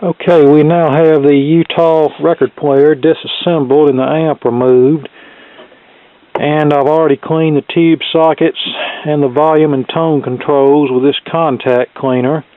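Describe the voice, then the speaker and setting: A hobbyist repairman in middle age talks through a repair in his workshop at a measured pace, his voice a little high and steady, his wording plain and folksy. Slight background noise sits under a tinny, narrow, phone-like recording that is close and dry.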